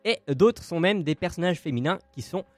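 A man's voice: sits high, lively intonation, normal speed, no room sound, studio quality, faint music behind. A man co-hosting a casual podcast, presenting a segment in a playful, theatrical, jokey way.

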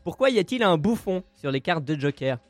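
A man's voice: fairly high pitch, very animated, a little fast, no echo, faint music behind. Playful man hosting. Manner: playful, theatrical, jokey. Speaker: podcast co-host presenting a segment. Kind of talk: casual podcast chat.

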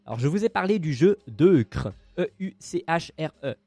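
A man's voice: a little high, expressive, normal speed, gravelly, warm tone, dry recording. A man co-hosting a casual podcast, presenting a segment in a playful, theatrical, jokey way.

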